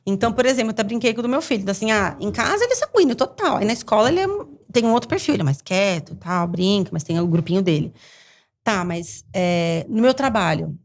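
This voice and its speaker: A middle-aged woman psychologist explaining temperaments in a casual podcast chat, with animated delivery full of little acted quotes. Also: mid-range voice. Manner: animated, talks in quick bursts with acted quotes. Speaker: psychologist guest.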